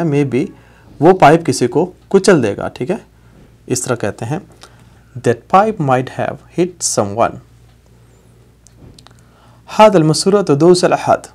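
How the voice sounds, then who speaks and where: A man giving a casual spoken lesson, repeating phrases slowly and translating each one. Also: fairly high pitch, darkish tone. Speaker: language teacher.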